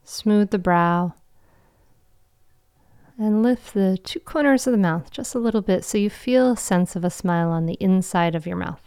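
A woman guiding a meditation in a soft, soothing, slow voice with long pauses, breathy and trailing toward a whisper. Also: mid-range voice, dry recording, clean studio sound. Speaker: meditation guide and show host. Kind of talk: guided meditation.

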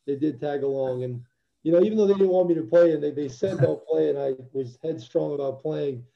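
With a slightly high voice, some vocal fry, and a fairly quick pace, a young Albanian ex-footballer talks as a guest in a casual interview. The remote audio is muffled, and he comes across as earnest and reflective, restarting many times.

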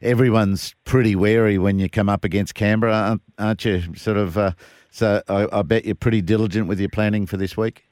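A man's voice: lowish voice, fairly even intonation, fairly quick, darkish tone, no room sound, studio quality. A man co-hosting a sports radio show, asking casual interview questions.

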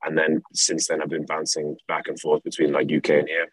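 A young man from England, a guest in a casual interview, talking in a relaxed, rambling way with lots of fillers. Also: rumbling low, brisk, husky, dry recording, poor audio. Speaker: guest, clothing brand founder.

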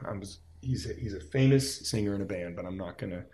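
A man from Las Vegas talks as a guest in a casual interview, his voice sitting a little low. He rambles through his stories, piling up fillers as he goes. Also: quick pace, dark tone. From Las Vegas, United States. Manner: rambling, filler-heavy storytelling with many "like"s.

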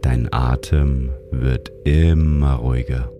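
A man narrates a guided sleep meditation in a soothing, calm manner, like a sleep-story narrator. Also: a bass voice, slow pace, music in the background. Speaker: meditation guide and show host.

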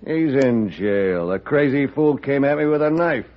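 Gruff, folksy American railroad boss played by a man. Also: medium pitch, expressive, measured pace, natural voice. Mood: scornful. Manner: folksy, blunt, dismissive. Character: gruff, cocky, hostile frontier railroad boss. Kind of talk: 1950s radio western acting. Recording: muffled old radio recording.

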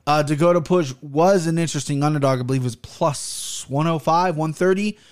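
Speaking a little fast in a fairly high voice, this American solo podcaster keeps things casual. He rambles and is blunt, with some swearing, and his mouth hardly opens while he speaks.

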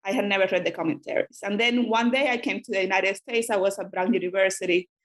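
A woman's voice: medium pitch, fast. Cuban-raised woman, thoughtful scholar. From Cuba. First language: Spanish. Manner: thoughtful, frequent restarts. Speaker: guest scholar. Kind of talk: academic interview.

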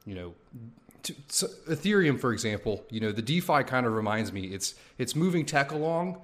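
A man hosting a casual podcast interview, loose and relaxed, leaning on lots of "you know"s, talking around a sore tooth. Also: mid-range voice, brisk. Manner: relaxed, filler-heavy talk with many "you know"s. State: sore mouth from a tooth coming in. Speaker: podcast host.

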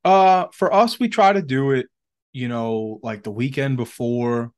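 A man's voice: medium pitch, a little slow, clean tone. A man co-hosting a podcast in casual chat, rambling and slangy, with plenty of swearing. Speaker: podcast co-host.

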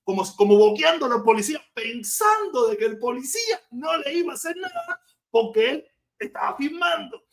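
A man with a Cuban accent, streaming live and delivering a blunt, mocking, repetitive rant. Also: extremely high pitch. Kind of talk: casual live-stream commentary.

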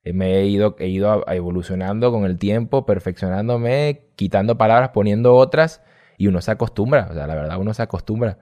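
A young Venezuelan man with a fairly low voice chats as an interview guest. He tells stories in a loose, slangy way, full of casual asides. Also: a little fast, warm tone. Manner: chatty, storytelling, slangy. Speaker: guest, gamer youtuber.

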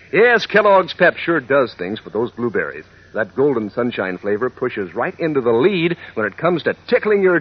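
A man's voice: mid-range voice, slightly rough. A man reading a scripted commercial as an old-time radio announcer, peppy, folksy and slangy in his salesmanship. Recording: dull, vintage radio recording.

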